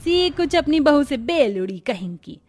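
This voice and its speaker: A woman voicing a greedy, bossy old grandmother-in-law in an animated story, scolding and giving orders. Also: high voice, normal speed, pitched above the performer's own voice. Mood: taunting. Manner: commanding, scolding.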